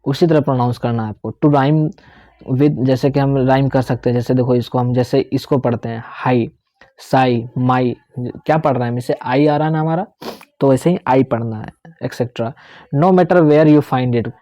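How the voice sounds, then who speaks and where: A young man with a mellow, steady, medium-pitched voice talks at normal speed on a dry recording. He teaches his students English pronunciation in Hindi sprinkled with English, moving step by step, repeating key words, and regularly checking in with "theek hai".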